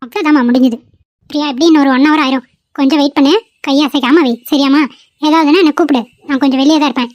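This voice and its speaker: A woman's voice: high voice, fairly even intonation, racing, a little mellow, no echo, highs cut off, natural voice. A woman doing a soothing cartoon nurse. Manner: soothing, reassuring. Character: kind female nurse, soothing. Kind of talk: cartoon voice acting.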